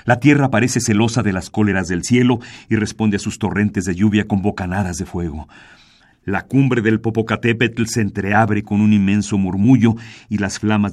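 A man's voice: on the low side, a little mellow. A man with a Mexican Spanish accent narrating a dramatic story in a varied, theatrical reading.

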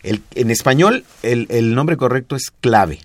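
A man's voice: mid-range voice, animated, unhurried, dry recording. A man with a Mexican Spanish accent, explaining music history in a didactic, patient way on a radio talk show. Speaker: music expert guest.

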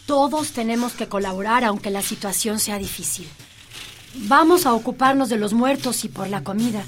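A woman's voice: a little high, moderate pace, lightly acted. A woman playing a caring, resolute guide to blind internees in an audio drama, speaking in an earnest, instructive way. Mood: guiding.

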